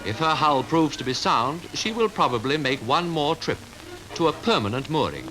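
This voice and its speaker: A man narrating an old 1950s newsreel in a formal, measured, declamatory manner. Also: a little high, lively intonation, sharp tone, soft background music, poor audio.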